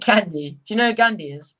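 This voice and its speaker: A woman's voice: medium pitch, expressive, moderate pace, a bit bright, poor audio. A young woman hosting a live football reaction vlog, keeping up a running commentary and passing on what her chat says. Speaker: vlogger host.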